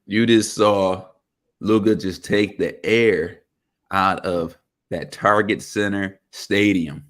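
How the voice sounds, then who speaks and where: A man co-hosting a sports talk show, relaxed and playful with slang. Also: on the low side, slow.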